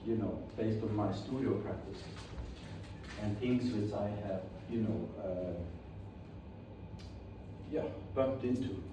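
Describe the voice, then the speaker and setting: A man's voice: fairly low pitch, takes it slowly, long pauses. A man in his forties from Iceland, a painter chatting casually in his studio and often correcting himself as he talks. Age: 40s. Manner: rambling, self-correcting, chatty. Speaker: painter demonstrating his materials. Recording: very echoey studio, distant mic, clear background noise.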